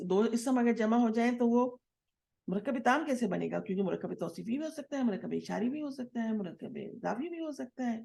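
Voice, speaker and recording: A woman teacher walks through a grammar lesson, posing questions and answering them herself. Her voice is gravelly with a mellow, dark tone. The sound is echoey, as if recorded in a bare room. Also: a little high. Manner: explains step by step, asks and answers her own questions; mixes English words into Urdu. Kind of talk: classroom lesson.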